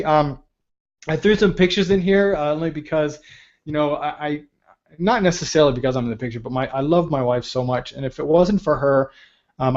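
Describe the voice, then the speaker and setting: A man's voice: a little high, a little mellow, highs cut off. A man in his thirties presenting an online training talk, rambling and earnest, with many fillers and restarts. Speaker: webinar presenter.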